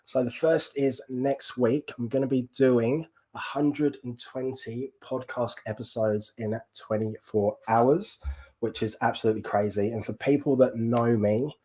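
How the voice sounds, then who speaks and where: An enthusiastic Englishman hosts a live podcast over a video call, keeping the chat casual and often saying "absolutely." His voice is warm and medium-pitched, with fairly even intonation and a slightly slow pace.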